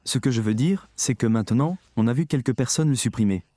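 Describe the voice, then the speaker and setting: Emphatic preacher man, dark mellow voice. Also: mid-range voice, a little fast, dry recording. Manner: emphatic, addresses the audience directly. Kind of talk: sermon.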